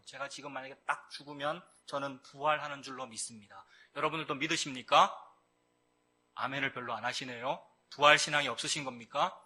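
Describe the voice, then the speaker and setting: A man preaches to his congregation in a sermon, his voice very bright and a little high. He calls out to the listeners again and again and swells into emphatic bursts. Now and then he acts out the quoted words of believers. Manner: addresses congregation often, rising to emphatic bursts. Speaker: pastor.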